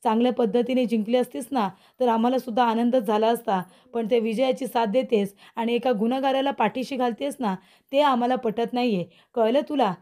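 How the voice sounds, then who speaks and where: A woman's voice: fairly high pitch, steady tone, brisk, few pauses, dark tone, lightly acted. A woman reading the lines of an angry elder brother from a TV serial recap, lecturing in a scolding manner. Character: angry grown man, stern elder brother.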